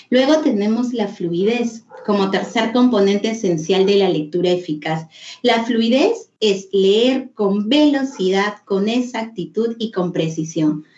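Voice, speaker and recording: A woman's voice: medium pitch, darkish tone. Peruvian woman teaching in a roomy room. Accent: Peruvian Spanish. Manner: explanatory, repeats phrases for emphasis, acts out a child sounding out a word. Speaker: teacher trainer. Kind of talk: online teacher training lecture. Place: home or office on a video call. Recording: roomy dull online session audio.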